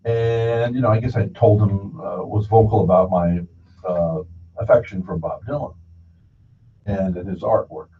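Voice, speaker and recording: The broadcast host's fairly low voice stays steady and unhurried as he rambles casually through folksy anecdotes, acting out others' words. The sound is dull, from a distant mic, with faint noise.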